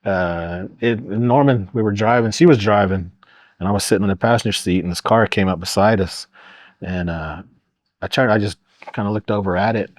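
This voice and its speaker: Low-voiced man telling rambling stories. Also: moderate pace, dry recording. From Oklahoma. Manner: rambling, lots of uh and you know. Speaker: podcast guest. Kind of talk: casual storytelling.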